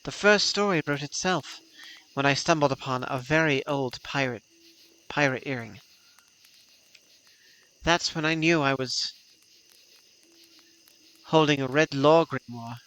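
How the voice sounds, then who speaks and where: A man voicing an earnest young male traveling historian in a fan-dubbed game, talking eagerly and quickly. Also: mid-range voice, a bit bright, close to an everyday voice, poor audio. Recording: clear music behind the voice.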